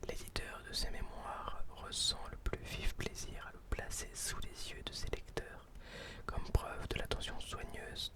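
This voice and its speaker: A man whispering hesitantly right into the listener's ear as an ASMR host, recorded at home on a close binaural microphone. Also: distant mic. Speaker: ASMR video host presenting old books. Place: indoors at home.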